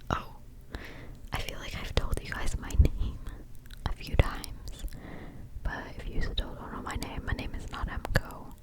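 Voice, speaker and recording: A young adult woman whispering softly and breathily right into the listener's ears, chatting casually and confidingly in an ASMR style. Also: rough recording. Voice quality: soft, breathy, unvoiced whisper. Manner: informal, rambling, confiding. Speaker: ASMR creator. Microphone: close-up ear-to-ear stereo microphone.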